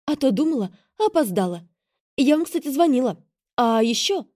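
A woman voicing a tiny, hurried young businesswoman of about twenty who talks in a quick, squeaky, flustered way. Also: very animated, darkish tone, no room sound, clean studio sound. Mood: bubbly, flustered.

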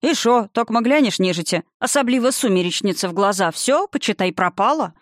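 A woman's voice: a little high, animated, a little fast, dry recording, clean studio sound, close to an everyday voice. Woman doing a grumbling old village witch. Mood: lecturing. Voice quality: rustic old-fashioned dialect, scolding.

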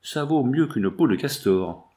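Male narrator doing a grizzled old trapper in an audiobook, gruff, vengeful, coarse backwoods talk. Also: medium pitch, animated, measured pace, dark tone, close to an everyday voice.

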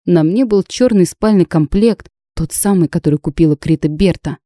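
A woman reading a novel aloud in measured first-person narration. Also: fairly low pitch, mellow, no echo, clean studio sound. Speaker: audiobook narrator.

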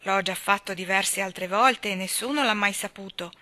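A woman's voice: mid-range voice, normal speed, bright, forceful tone, lightly acted. A woman reading aloud and voicing a loyal, plain-spoken old male gardener in an audiobook of a children's novel. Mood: earnest.

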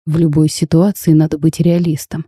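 At a moderate pace, a woman lightly acts the cold, curt, even-voiced cursed dragon duke of a storybook, keeping him flat, terse and reserved. Her tone is dark, mellow and fairly low, recorded close and dry without echo.

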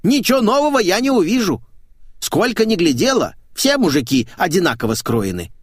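A man voicing a brash middle-aged housekeeper woman, pitched far above his own voice, loud and cheeky as she answers back. The sound is dry and close, with the narration style of an audiobook. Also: big pitch swings, moderate pace, slightly rough, no echo, heavily acted. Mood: mocking. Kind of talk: audiobook character voice.

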